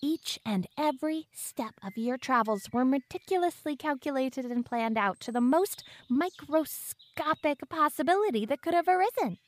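This is a pompous teenage girl with a menacing calm, voiced by a woman in an audio drama. Her voice sits high. She talks in stiff, overly formal sentences full of big words, always smug and condescending. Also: moderate pace, few pauses. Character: pompous, coldly menacing 14-year-old girl hunter.

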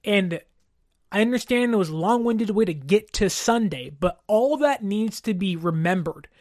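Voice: mid-range voice, lively intonation, moderate pace, darkish tone, no echo. Conversational football commentator in a dry, close recording. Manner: conversational, rhetorical check-ins, voices imagined fan remarks. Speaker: sports commentator. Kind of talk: casual football commentary monologue.

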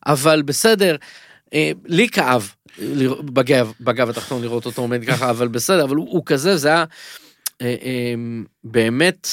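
Animated rambling man in dry studio. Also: medium pitch, no echo. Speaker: podcast co-host. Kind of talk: casual TV-recap podcast chat.

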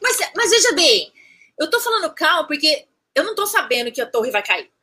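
A woman, recounting a personal story as an interview guest, animated, restarting phrases and acting out what people said. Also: high-pitched, brisk. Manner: animated, restarts phrases, acts out quoted speech.

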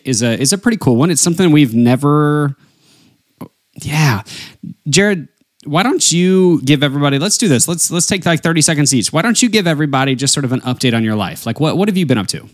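A man's voice: a little high, animated, fairly quick, dry recording. Folksy man hosting, close dry sound. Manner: folksy, addresses listeners as y'all. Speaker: podcast host; wedding and portrait photographer. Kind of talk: casual podcast chat.

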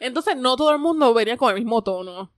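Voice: medium pitch, animated, no echo, clean studio sound. A podcast co-host in casual chat, agreeing and adding short remarks. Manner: agreeable, backs up the other host with quick laughs and short replies.

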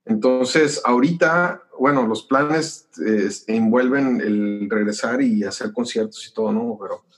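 A man's voice: mid-range voice, unhurried, soft background music. A middle-aged man with a Mexican accent, a pastor and musician telling his story in a casual interview and acting out the conversations. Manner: animated, acts out conversations while telling a story.

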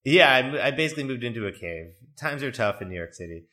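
A man's voice: medium pitch, lively intonation, quick pace, pushed and bright. A man hosting a podcast in casual, jokey, profane chat, recorded in an echoey room that sounds like a cave. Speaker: podcast host. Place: echoey room in a new home, no studio setup yet.

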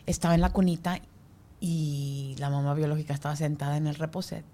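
A woman sharing an emotional personal story as a guest, speaking haltingly and dropping almost to a whisper at tender moments. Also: deep voice, little pitch movement, warm tone.

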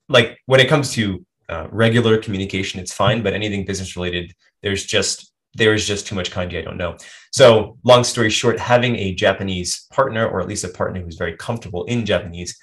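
Gravelly and low, yet fairly bright in tone, this American man works as a health and performance coach and appears as a guest. His answers to the interviewer are thoughtful and rambling, broken up by frequent restarts and asides.

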